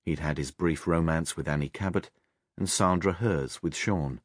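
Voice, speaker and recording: A man narrating a crime novel audiobook in a measured, expressive storytelling manner. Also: very deep voice, no room sound, clean studio sound.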